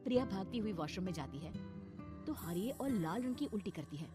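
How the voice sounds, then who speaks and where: Animated woman narrating, music behind. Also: medium pitch, a little fast. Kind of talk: dramatic scripted horror story narration.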